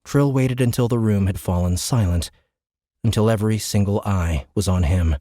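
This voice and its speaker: A man with a low voice and dark tone narrates a dramatic science fiction audiobook in a measured, suspenseful way, like scripted storytelling. He's close to a studio microphone, and the recording is very dry with no room sound.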